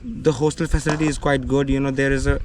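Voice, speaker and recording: A man's voice: medium pitch, flat delivery, fast, a little mellow. A young man with a Kashmiri accent answers interview questions politely, often adding "you know". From Srinagar, Kashmir. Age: young adult. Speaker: junior cricketer being interviewed. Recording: clear background ambient noise.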